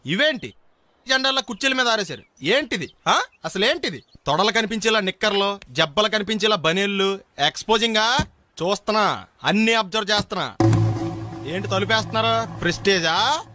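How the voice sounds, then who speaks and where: A jittery fast-talking servant. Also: male voice, sits high, lively intonation, sharp tone, dry recording. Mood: nagging. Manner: quick, nagging complaints and comic retorts. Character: jittery young servant, cheeky and fearful. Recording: film audio with music behind.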